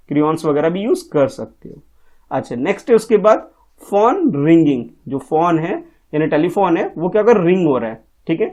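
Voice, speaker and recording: A man's voice: fairly high pitch, a little mellow. Male teacher for young children, patient, keeps checking they follow. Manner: patient, repeats "ठीक है?" often. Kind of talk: explaining an English textbook lesson to children.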